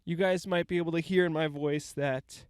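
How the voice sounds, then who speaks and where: Congested young male podcast host, a little high and smooth, rambling and self-deprecating. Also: fairly even intonation, normal speed, dry recording. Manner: rambling, self-mocking jokes. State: stuffy, congested from a cold. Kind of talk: casual comedic monologue. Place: inside a parked van. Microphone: handheld microphone.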